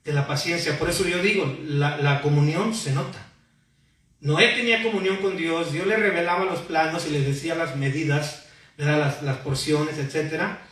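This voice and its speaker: A man's voice: on the high side, steady tone, moderate pace, a bit bright. A male preaching a sermon, asking the congregation questions and prompting their replies. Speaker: pastor. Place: church hall. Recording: very echoey hall, mic far off.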